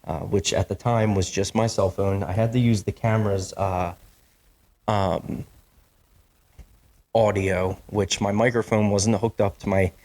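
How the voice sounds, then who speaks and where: A man's voice: on the low side, fairly even intonation, unhurried, a little mellow. A man hosting his own podcast from a home basement studio, talking casually, apologizing often and restarting his sentences. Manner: chatty, apologetic, with many fillers and restarts. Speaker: podcast host. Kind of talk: casual solo podcast talk. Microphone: studio microphone.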